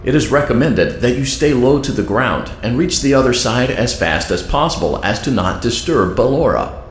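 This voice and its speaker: An actor playing a polite artificial guide in a video game, giving formal scripted instructions. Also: male voice, mid-range voice, expressive, moderate pace, a little hiss or hum, close to an everyday voice. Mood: polite, instructional. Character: cheery, artificial male robot guide assistant. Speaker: automated guide. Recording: roomy echo.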